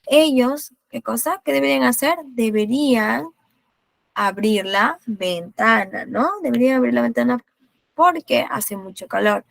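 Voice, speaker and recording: A woman with a gravelly, slightly high voice teaches English over a video call, with a dry sound and no room around her. She goes over each example in English, then repeats it in Spanish. She asks a check-in question after nearly every phrase. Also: animated, measured pace, no room sound. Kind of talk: online class explanation.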